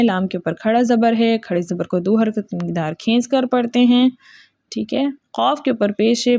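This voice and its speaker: A woman's voice: a little high, mellow, dry recording, studio quality. Patient woman teaching Quran recitation rules. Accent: Pakistani Urdu. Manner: patient, repeats each rule, checks with "ok?"; recites verses slowly in a drawn-out chant. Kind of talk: tajweed lesson.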